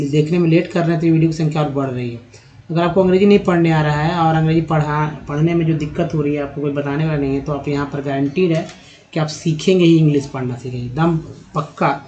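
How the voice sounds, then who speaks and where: A man's voice: a little high, steady tone, a little fast, a little mellow, dull audio. A man with a Hindi accent teaching English reading online, reading word lists aloud one word at a time with short pronunciation notes. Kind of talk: online phonics lesson.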